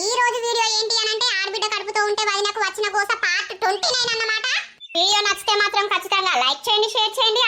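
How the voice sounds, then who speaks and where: Very high-voiced woman with a Telangana accent. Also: sharp tone, a little hiss or hum. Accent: Telangana Telugu. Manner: friendly, chatty. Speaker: channel host. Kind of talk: cheerful video intro. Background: music.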